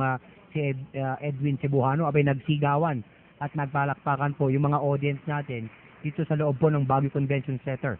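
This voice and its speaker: A man with a Filipino accent giving casual live commentary as a boxing commentator. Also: mid-range voice. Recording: tinny phone-like audio, faint noise.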